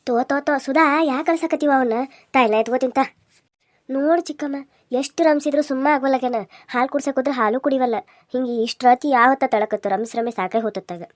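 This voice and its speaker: A woman's voice: sits high, quick pace, a little mellow, no room sound, clean studio sound, natural voice. A woman voicing a fussing elderly village grandmother with a North Karnataka accent, cooing in singsong baby talk. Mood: coaxing. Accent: North Karnataka Kannada. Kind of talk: cartoon voice acting.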